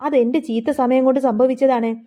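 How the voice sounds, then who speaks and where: A suspicious, hotheaded young man, agitated and defensive, as a woman storyteller reads him. The voice sits high and mellow, not far from a plain storybook reading. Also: steady tone, brisk, natural voice.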